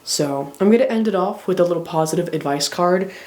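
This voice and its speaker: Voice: mid-range voice, fairly quick, a little mellow. A tarot reader giving a love reading to viewers, talking reflectively, often checking in with "right?", and reading guidebook text aloud between personal comments. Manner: reflective, coaching tone with frequent "right?" check-ins.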